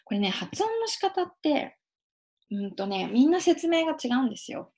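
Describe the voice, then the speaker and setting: Gravelly-voiced woman teaching pronunciation. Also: sits high, sing-song, a little mellow. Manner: patient, demonstrates sounds slowly with drawn-out vowels. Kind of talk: casual spoken lesson. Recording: lo-fi dull sound.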